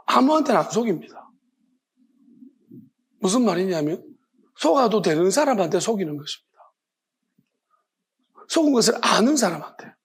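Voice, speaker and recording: With a high-sitting, slightly rough voice, a male pastor delivers a Friday worship sermon in an impassioned yet conversational style. He often asks the congregation questions and frequently starts his sentences over.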